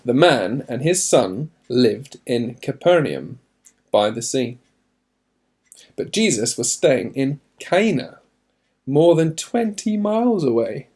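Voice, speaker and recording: A man with a mid-range voice reads a children's storybook aloud, giving it an expressive narration with deliberate emphasis.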